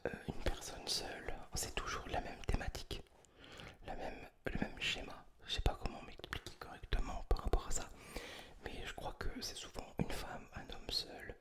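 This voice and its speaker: A person speaking entirely in a breathy whisper, close to the mic, presenting books in a casual, informal ASMR style. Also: moderate pace. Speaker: ASMR video host. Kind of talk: whispered ASMR book review, casual chat.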